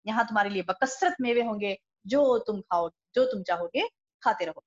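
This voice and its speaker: A woman giving a religious lesson, explaining scripture verse by verse, rising when she quotes and dropping low for asides. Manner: expressive, rises when quoting verses, drops low for asides. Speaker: Quran teacher. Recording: dull lo-fi recording.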